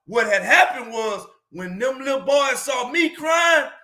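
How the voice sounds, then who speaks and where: His voice is extremely high, with lively intonation and a slightly slow pace, in a reverberant space. As a motivational speaker sharing a personal story in a casual, emphatic way, he keeps repeating "man" and "listen" and raises his volume at the high points.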